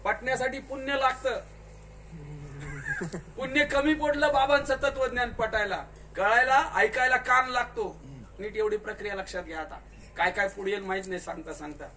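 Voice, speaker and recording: Man, very high bright voice, spiritual discourse, quizzes the crowd, distant mic, faint hiss. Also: fairly even intonation, moderate pace. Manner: questions the audience and urges them to answer louder. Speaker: kirtankar preacher. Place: large tent at a gathering.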